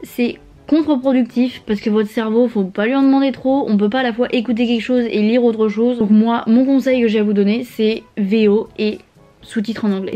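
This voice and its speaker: Sprawled on her bed in her bedroom, a young French woman in her young adult years vlogs about her life as an au pair, casual, playful and slangy, swearing freely and tossing in asides. Her voice is fairly high in pitch with a dark tone.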